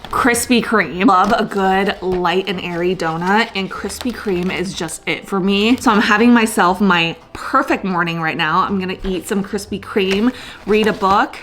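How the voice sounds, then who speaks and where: A woman of thirty chatting casually to camera as a lifestyle vlogger, bubbly and excited, dropping lots of "like". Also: mid-range voice, unhurried. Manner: bubbly and chatty, often says "like". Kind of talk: casual vlog chat to camera.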